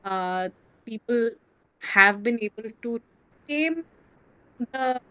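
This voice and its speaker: A woman panelist answering haltingly over a remote conference call whose audio keeps cutting out. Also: a little high, lively intonation, sharp tone, clean tone, dry recording, poor audio. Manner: hesitant, halting, with many fillers.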